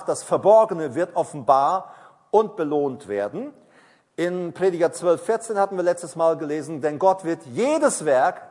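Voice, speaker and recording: A man preaching a sermon, emphatic and repeating key phrases, slowing down when he reads scripture aloud. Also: high-pitched, slightly rough, in a large hall. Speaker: pastor.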